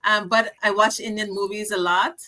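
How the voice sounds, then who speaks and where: A middle-aged Guyanese woman with a Guyanese accent hosts a casual live-stream chat, talking a lot, laughing often, and repeating words. Her mid-range voice is steady, pushed, and bright, at a moderate pace.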